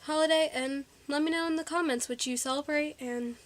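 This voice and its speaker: A woman's voice: sits high, fairly even intonation, brisk. A teenage girl chatting in a casual haul vlog, bubbly and a little out of breath, with lots of ums and likes. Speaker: vlogger.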